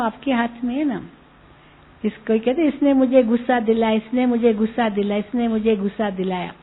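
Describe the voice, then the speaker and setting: Woman spiritual teacher, slow and high-ish, tells homely anecdotes at a retreat; thin, narrow-band recording. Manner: gentle, repeats key words, tells everyday anecdotes. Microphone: microphone.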